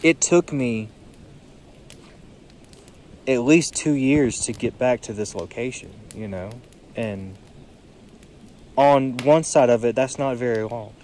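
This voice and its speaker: A tired young man musing aloud in a solo vlog, seated outdoors by a creek, filling his pauses with "you know". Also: mid-range voice, darkish tone, a little hiss or hum. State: tired, yawning. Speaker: podcast vlogger. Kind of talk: reflective solo monologue. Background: faint creek water and birdsong.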